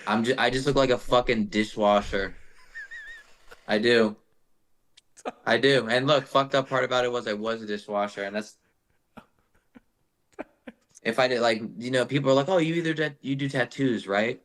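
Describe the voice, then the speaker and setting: A young man, a metal vocalist guesting on a podcast, telling stories in a casual, animated and profane way, saying "bro" constantly. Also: medium pitch, moderate pace, long pauses. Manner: animated profane storytelling, says "bro" a lot. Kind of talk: casual chat.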